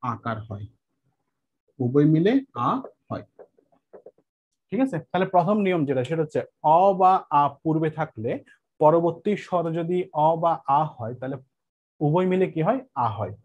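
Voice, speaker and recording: A man teaching an exam-prep grammar lesson, patiently repeating each step and slowing down to spell out examples. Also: fairly high pitch, lively intonation, darkish tone. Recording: muffled lo-fi sound.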